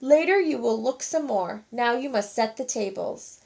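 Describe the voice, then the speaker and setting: A woman voicing a gruff, bossy middle-aged chef who is a father, roaring orders in a storybook read-aloud. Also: on the high side, expressive, normal speed, darkish tone. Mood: stern.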